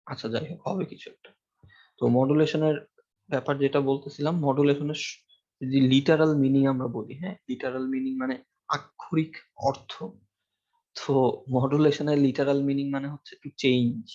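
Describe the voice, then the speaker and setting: A man with a medium-pitched, slightly mellow voice speaks at a moderate pace with little pitch movement, in a muffled recording. He is a university lecturer using a classroom microphone with an amplifier, explaining step by step, questioning his students, and adding fillers often.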